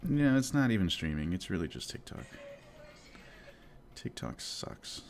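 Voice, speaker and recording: A man's voice: low voice, very animated, a little slow, vocal fry, soft background music. A man streaming live as a day trader, muttering and grumbling to himself with sarcastic asides as he trades. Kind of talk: live-stream commentary while trading.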